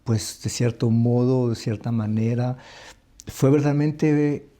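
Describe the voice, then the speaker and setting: An ambassador from El Salvador speaks in a conversational interview, thoughtful and halting, restarting often. His mid-range voice is steady and mellow.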